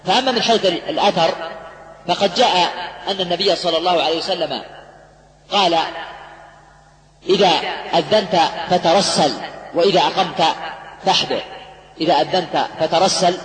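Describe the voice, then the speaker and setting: Man, religious teacher, high voice, methodical lecture, asks the class questions, long hall reverb. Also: brisk, pauses often, a bit bright. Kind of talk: explanatory lecture to students.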